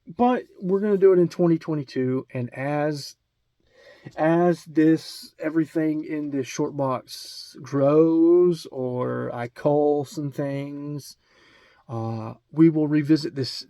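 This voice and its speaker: A man's voice: fairly high pitch, slow pace, warm tone, no room sound. Rambling Alabama man with a dry, close sound. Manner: rambling, many ums and restarts. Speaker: comic book collector showing his collection. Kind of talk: casual video chat.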